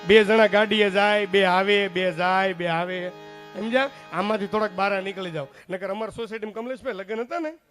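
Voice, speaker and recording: A man's voice: sits high, a little fast, a bit bright, faint music behind. A man doing live stage comedy, chatting straight to the crowd. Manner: chatty, addresses the crowd directly. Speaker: stand-up comedian and mimic.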